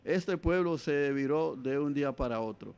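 A man with a Dominican accent telling jokes in a lively comic storytelling manner, adding sound effects. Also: fairly high pitch, moderate pace, gravelly, clean tone. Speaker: joke teller.

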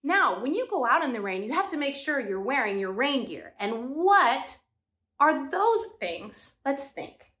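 A woman's voice: high-pitched, sing-song, measured pace, bright, forceful tone. A woman teaching a music class for young children, talking in a cheerful, sing-song way and coaxing the kids to join in.

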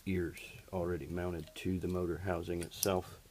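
A man's voice: low-pitched, level tone, normal speed, noisy background. A man working as an HVAC technician, plainly explaining a hands-on repair step by step with frequent fillers, recorded on a handheld camera in a basement and workshop. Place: basement furnace area and workshop floor. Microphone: camera held by the speaker while working.

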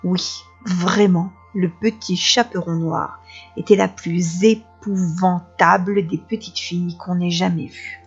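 A woman reads a picture book aloud to young children, narrating with lively drama. Her voice is slightly husky and breathy. The recording sounds dull and lo-fi, with faint music underneath. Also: medium pitch. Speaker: kindergarten teacher reading aloud. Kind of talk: expressive storybook reading for children.

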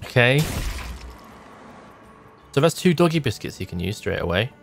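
Over background music in a small home room, a man in his thirties streams a game and muses aloud in short remarks. He speaks at normal speed with a medium-pitched, sing-song, creaky voice.

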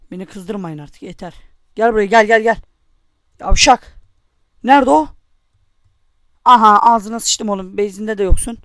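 High-pitched young man raging at a game. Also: fairly bright tone, no echo. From Turkey. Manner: angry, cursing, taunting. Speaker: gamer. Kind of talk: gameplay commentary.

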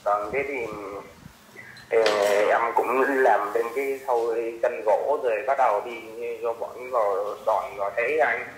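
A man calling in, speaking hesitantly with many pauses and fillers. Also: mid-range voice, fairly even intonation, crowd noise. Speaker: caller. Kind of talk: casual phone call. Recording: roomy echo, faint noise.

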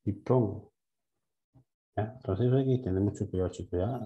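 A male teacher in a classroom who leads a lesson, asks students frequent questions and repeats words slowly. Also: on the low side, muffled recording, slight background noise.

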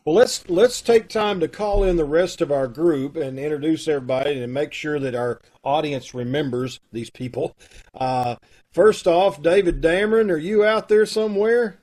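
On a video call from home, a middle-aged host announces and casually chats while introducing a live radio troupe's show. His voice is a little high and a little mellow, at a normal speed.

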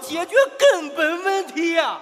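High-voiced man doing comic retorts in a hall. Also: fairly bright tone, slight background noise. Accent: Shandong dialect put on. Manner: indignant, quick comic retorts. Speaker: crosstalk comedian. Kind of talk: stage crosstalk comedy. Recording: live hall with faint ambience.

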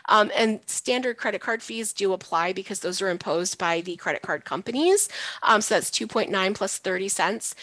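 A woman's voice: fairly high pitch, fairly bright tone, no room sound. A woman presenting a webinar over a video call, answering audience questions in a friendly way with frequent "um" fillers, her voice getting worn. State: losing her voice.

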